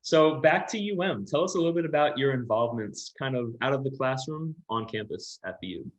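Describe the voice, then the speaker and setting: Guy hosting an interview, upbeat and friendly, pretty average pitch. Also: animated, fairly quick. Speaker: host.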